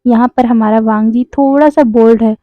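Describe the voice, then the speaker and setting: High-voiced woman telling a story, phone-thin. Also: fairly even intonation, normal speed, warm tone, no echo. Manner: chatty, addresses viewers as guys. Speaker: fanfiction narrator. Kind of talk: storytelling narration with character dialogue. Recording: dry, thin phone-like sound.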